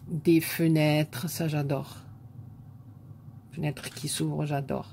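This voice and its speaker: A woman with a southern French accent, a scrapbooking vlogger softly admiring crafts one by one in a casual show-and-tell chat. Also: sits low, little pitch movement, slow, creaky, a little hiss or hum.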